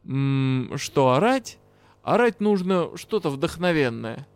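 A man doing a blunt, gruff dark elf. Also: fairly high pitch, big pitch swings, slow, dry recording, soft background music, exaggerated voice. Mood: firm. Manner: gruff, teasing, bluntly scolding. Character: brash, blunt male dark elf partner. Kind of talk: audiobook character voice.

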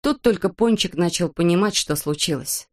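A woman narrating a children's storybook in an even storytelling manner. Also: on the low side, moderate pace. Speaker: audiobook narrator.

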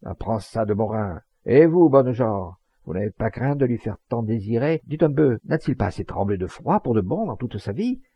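A man reading an audiobook voices an indignant, rough countryman scolding a crowd loudly, in a gravelly, husky voice. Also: lowish voice, wildly swooping pitch, a little fast, few pauses, dry recording, lo-fi sound, exaggerated voice. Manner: scolding, loud, declamatory. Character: indignant rough Provençal countryman, middle-aged.

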